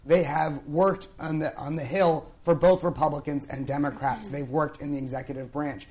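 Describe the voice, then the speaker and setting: A hoarse young man who has lost his voice, opening a conference panel in a conversational way with many fillers. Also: fairly high pitch, fairly even intonation, normal speed, a little mellow. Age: young adult. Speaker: panel moderator. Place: conference event on stage.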